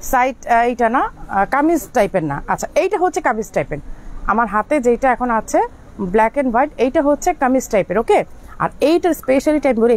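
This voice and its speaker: A woman's voice: high voice, darkish tone. A woman hosting a live clothing sale from inside a shop. She talks in a chatty, repetitive way and stops now and then to direct staff. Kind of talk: live product showcase. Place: indoors in a clothing shop outlet.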